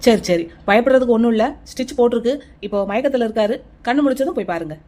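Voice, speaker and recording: A woman voicing a calm, middle-aged male hospital doctor in a cartoon, speaking in a measured, reassuring clinical tone. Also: on the high side, close to an everyday voice. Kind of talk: cartoon voice acting.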